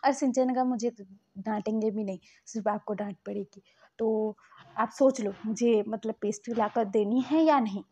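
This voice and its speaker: A bratty young man, sulky and pouting, whines and scolds in a high, raised voice, as a woman puts him on. He bargains like a spoiled child, and the recording sounds a little dull and muffled. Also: normal speed, warm tone, breathy edge. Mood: pleading, bargaining. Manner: whiny, petulant scolding. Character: childish young man, pastry-obsessed, throws tantrums.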